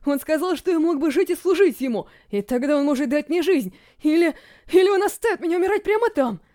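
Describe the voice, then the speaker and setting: A woman's voice: high-pitched, expressive, fast talker, mellow, voice pushed up. Panicked male captive on the edge of hysteria, sobbing pleas, a woman reader voicing him. Audiobook. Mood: hysterical. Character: terrified captive man, hysterical assassin.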